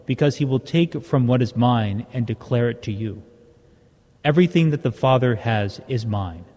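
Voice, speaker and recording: A man's voice: mid-range voice, mellow. A man, a priest, reading the gospel and then preaching a plainspoken, conversational homily in a large church, his voice trailing off into a long cathedral echo. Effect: long church reverb, like a cathedral echo.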